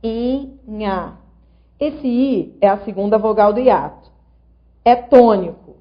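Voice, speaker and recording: Speaking slowly in a voice on the high side, a woman teacher walks through grammar rules online. She patiently sounds out each syllable and asks the viewer along, though the lo-fi audio is a little dull.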